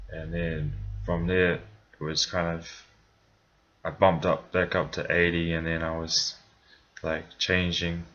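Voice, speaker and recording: Deep-voiced New Zealand man, rambling vlog. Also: fairly bright tone, muffled recording. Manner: rambling, full of fillers and self-corrections. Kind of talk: casual personal storytelling vlog.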